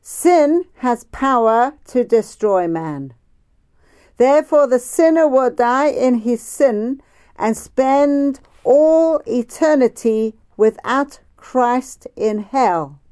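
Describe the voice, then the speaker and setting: Slow, higher-voiced woman preaching. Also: expressive, darkish tone, clear, resonant tone. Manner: slow, deliberate storytelling. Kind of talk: sermon with a personal story. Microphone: phone.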